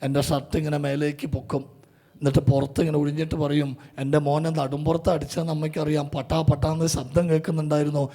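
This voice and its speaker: A middle-aged man preaching an emotional sermon, pleading and fervent, rising to loud climaxes. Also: a little high, little pitch movement, fast. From Kerala, India. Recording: large hall reverb.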